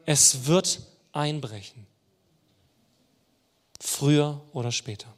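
A man's voice: on the high side, slow pace. A man preaching a sermon in a conversational way, putting rhetorical questions to the congregation.

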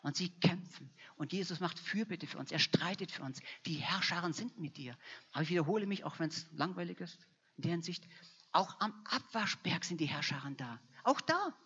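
A woman's voice: on the low side, a little fast, fairly bright tone, husky. A woman preaching a sermon, emphatic and repetitive, building to fervent passages. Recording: dull lo-fi recording.

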